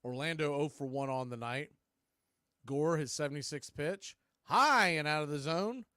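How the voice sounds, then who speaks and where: A male play-by-play baseball announcer who also hosts a stream delivers live, radio-style commentary in clipped short phrases between pitches. His voice is bright, forceful, clear and resonant, at a moderate pace. The close-miked recording is dry, with no room sound.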